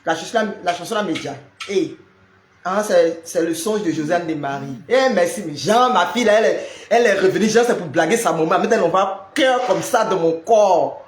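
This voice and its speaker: A man's voice: high-pitched, brisk, soft background music. Chatty man, roomy sound. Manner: chatty, greets viewers by name, peppers speech with "là" and "hein". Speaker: live-stream prayer host. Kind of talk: casual live-stream chat with viewers. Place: home. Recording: roomy echo.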